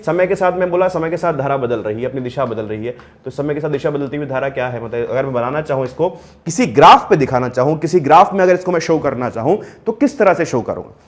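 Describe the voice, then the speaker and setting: A man lecturing on physics to students, asking questions and answering them himself, repeating key terms and mixing in English technical words. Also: medium pitch. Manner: mixes English technical terms into his talk. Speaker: physics teacher. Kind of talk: classroom lecture.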